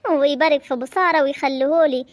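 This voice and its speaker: A woman's voice: sits high, fairly even intonation, very fast. A woman with an Egyptian accent closing her cartoon video, greeting viewers affectionately and praying for them. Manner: affectionate, prayerful. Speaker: cartoon channel creator. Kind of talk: warm video outro with prayers for viewers.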